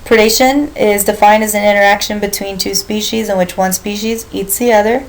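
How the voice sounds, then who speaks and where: A woman's voice: medium pitch, steady tone, fairly quick, poor audio. Woman giving a biology lecture. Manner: explanatory, asks the class questions and reminds them of earlier material. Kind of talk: classroom lecture.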